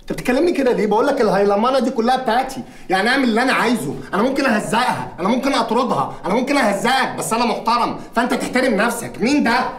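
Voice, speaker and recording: An actor playing a pompous, bossy company owner, blustering and teasing in an Egyptian accent. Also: male voice, extremely high pitch, animated, very fast, few pauses, fairly bright tone, slight background noise. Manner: blustering, self-important, teasing. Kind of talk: comic film acting. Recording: film audio with room echo and music.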